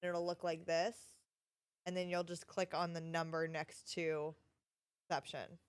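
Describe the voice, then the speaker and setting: Low-pitched woman hosting a game session. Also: little pitch movement, measured pace, clear, resonant tone. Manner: helpful, explaining. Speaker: host and player. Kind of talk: casual chat during a tabletop game.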